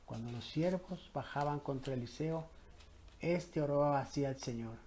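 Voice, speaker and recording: A man with a Mexican Spanish accent, a parish priest greeting the faithful, leading prayer and reading scripture in a slow, measured, solemn way. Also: fairly high pitch, darkish tone, a little hiss or hum.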